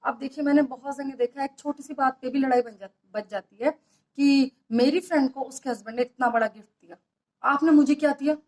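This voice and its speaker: A woman with a high, light voice speaks earnestly about marriage in a motivational talk. She keeps asking her listeners questions and circles back to the same points to drive them home. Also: fairly even intonation, brisk, darkish tone, low-quality recording.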